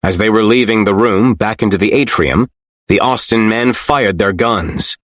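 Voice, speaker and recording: A man narrating a fantasy audiobook in an expressive, storytelling manner. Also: lowish voice, normal speed, no echo, studio quality. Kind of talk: scripted fiction narration.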